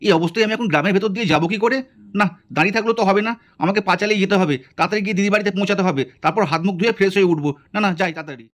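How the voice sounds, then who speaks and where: A man's voice: high voice, racing, fairly bright tone. A man voicing a flustered young stranger in a puppet cartoon, protesting indignantly.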